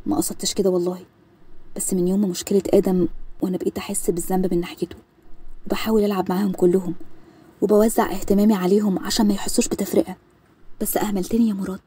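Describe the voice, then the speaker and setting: A woman's voice: medium pitch, flat delivery, very fast, mellow, husky. Woman doing a pleading Egyptian wife. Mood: hurt. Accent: Egyptian Arabic. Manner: pleading, reproachful. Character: fretful wife, pleading with her husband.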